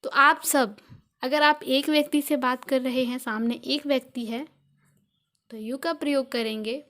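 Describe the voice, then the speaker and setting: High-voiced Indian woman teaching grammar. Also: fairly even intonation, unhurried, fairly bright tone. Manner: patient, repeats points with many examples. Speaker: English teacher. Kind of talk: explaining grammar in a video lesson.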